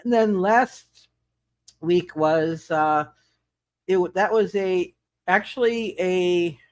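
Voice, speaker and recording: Hosting a roleplay livestream as its game master, a man with a high-pitched voice takes his time, chatting and recapping casually while frequently restarting his sentences and repeating words.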